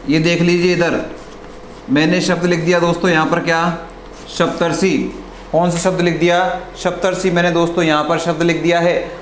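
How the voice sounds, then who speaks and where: Echoey male teacher quizzing his class. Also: fairly high pitch. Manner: asks students questions and answers them himself; calls his students "friends" over and over. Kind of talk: live online grammar lesson. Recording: echoey room with faint noise.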